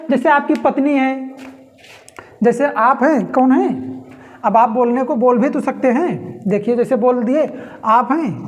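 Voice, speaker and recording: A woman with a high voice teaches an exam-prep reasoning lesson at a whiteboard. She goes slowly, asks the class questions and answers them herself, and repeats key points. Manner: explains slowly with rhetorical questions and repetition.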